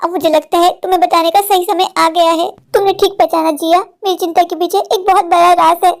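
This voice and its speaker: A woman's voice: very high voice, steady tone, brisk, gravelly. A woman voicing an anxious, possessive village mother in a cartoon, doting and insistent with her daughter. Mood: tender. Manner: doting, insistent, says "meri jaan". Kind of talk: Hindi cartoon voice acting.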